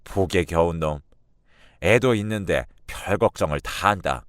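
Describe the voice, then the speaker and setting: A man's voice: low-pitched, unhurried, no room sound, studio quality, pitched below the performer's own voice. A man doing blunt teasing drinking buddies.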